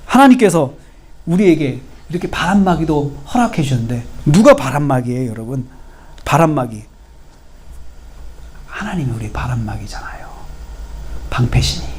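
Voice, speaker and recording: A male pastor preaching an expository sermon, building to emphatic, stressed peaks and then dropping to soft near-whispers. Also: a little high, a little hiss or hum.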